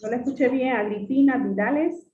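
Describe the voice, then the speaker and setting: A woman teaching a class over a video call, her voice on the high side, patient and repetitive as she keeps addressing the students. The sound is narrow and phone-like, with a roomy echo and a faint hiss underneath. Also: fairly quick, mellow. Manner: patient, repeats points and often addresses students as "jóvenes". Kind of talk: online class lecture. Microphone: computer mic on a video call.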